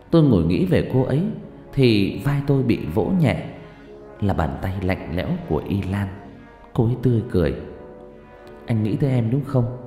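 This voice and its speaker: A man telling a horror story in the first person, with a dramatic, animated delivery and a mellow, dark tone. His voice rings in a roomy space with a long reverb, and faint music plays underneath. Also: on the low side.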